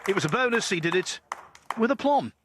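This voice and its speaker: A man's voice: high voice, big pitch swings, a little fast, crowd noise, background noise. A man giving live snooker commentary as the match commentator, with articulate, polished phrasing.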